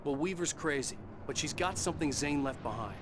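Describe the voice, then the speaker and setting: A man's voice: fairly high pitch, expressive, brisk, close to an everyday voice. An actor playing the serious male hero of a horror video game. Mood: grave. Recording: clear noise of game ambience.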